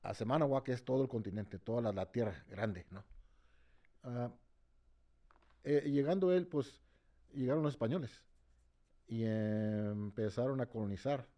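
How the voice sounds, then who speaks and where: Interviewed about a march he organized, a man speaks passionately in a warm, medium-pitched voice with lively intonation. He is unhurried, with long pauses, often repeating words as he looks for the next phrase and checking in with the listener. He switches between English and Spanish.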